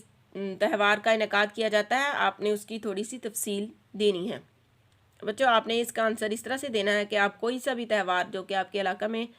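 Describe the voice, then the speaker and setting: Slow, patient Pakistani woman teacher. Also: a little high, fairly bright tone. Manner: reads English lines slowly, then translates each into Urdu. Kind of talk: textbook lesson explained to children.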